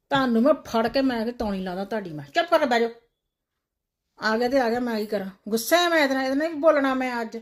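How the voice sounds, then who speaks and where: A village vlogger from Punjab, India, performing a comic nagging monologue in a scolding manner, her voice rising and dropping sharply. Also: on the high side.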